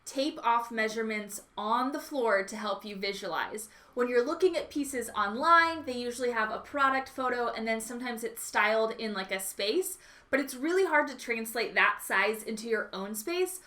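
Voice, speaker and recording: Upbeat makeover host lady, kinda high voice, gushy and excited diy narration. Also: moderate pace. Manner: enthusiastic, gushing about makeover pieces. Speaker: home makeover vlog host.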